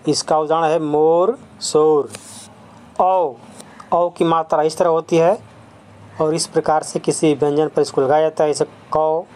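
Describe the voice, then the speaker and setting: Teacher, slow, careful delivery; repeats every term and checks the class with quick questions. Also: mid-range voice, darkish tone. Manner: explains step by step, repeating each term; asks the class quick questions and answers them. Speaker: school Hindi teacher. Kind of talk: classroom lesson on letters and sounds.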